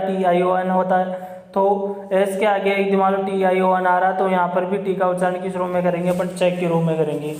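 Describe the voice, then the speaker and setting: Male teacher, high voice, spells words out and quizzes himself, long room reverb. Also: darkish tone. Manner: spells words letter by letter, asks and answers himself. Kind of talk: spoken lesson on English phonics. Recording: roomy echo with long reverb.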